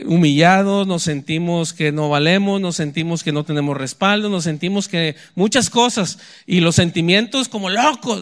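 A man preaching a sermon in a conversational way, often tagging lines with "¿verdad?" and slowing down to read scripture aloud. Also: on the high side, fairly bright tone. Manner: conversational, frequent "¿verdad?" asides; slows for dramatic scripture quotes.

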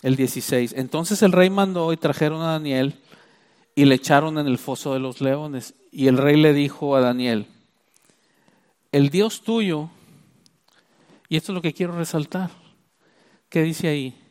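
A man preaches a sermon in a voice pitched a little high for a man. He explains scripture emphatically, repeating himself and stretching out the words he wants to stress. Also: darkish tone, smooth. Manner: emphatic, stresses key phrases with slow drawn-out words; repeats and restarts while explaining.

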